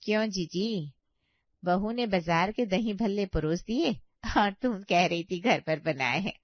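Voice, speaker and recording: A woman's voice: medium pitch, animated, a little slow, dry recording, close to an everyday voice. A woman voicing a nosy, outspoken aunt who is visiting as a guest and talks in a prying way, on a dull, lo-fi recording. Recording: dull lo-fi sound.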